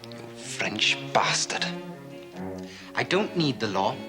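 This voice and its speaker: A man's voice: mid-range voice, big pitch swings, slow. An actor playing an arrogant, hot-tempered young nobleman who sneers and threatens. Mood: menacing. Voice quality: sneering, contemptuous. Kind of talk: period film acting. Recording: film soundtrack with music.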